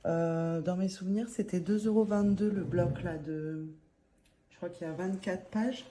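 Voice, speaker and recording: A woman's voice: on the low side, fairly even intonation, a little slow, background noise. A woman vlogger talking casually to camera about her monthly budget, chatty and a little hesitant, often restarting her sentences. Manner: chatty, talks through her envelopes as she goes.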